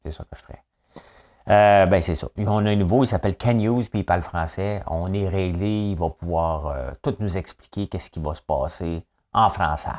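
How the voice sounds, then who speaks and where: A man's voice: deep voice, moderate pace, a little mellow. A man with a Québécois accent hosting a casual news commentary, blunt and opinionated with a joking edge. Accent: Québécois French. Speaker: host of a daily news chat.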